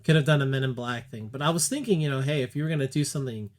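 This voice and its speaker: A man's voice: mid-range voice, racing. A man co-hosting a film podcast, chatting animatedly with lots of fillers. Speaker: podcast co-host. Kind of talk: casual film discussion.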